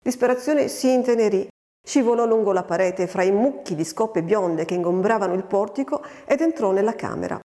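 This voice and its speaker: A woman narrating a literary story in a measured, expressive way, recorded with a long reverb. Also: mid-range voice. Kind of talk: literary audiobook reading.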